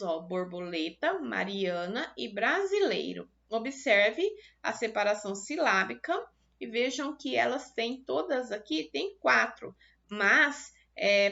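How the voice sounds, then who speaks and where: A woman teacher with a Brazilian Portuguese accent giving a recorded lesson to children, slowly stretching out the syllables of example words. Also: fairly high pitch, vocal fry, pushed and bright, muffled recording.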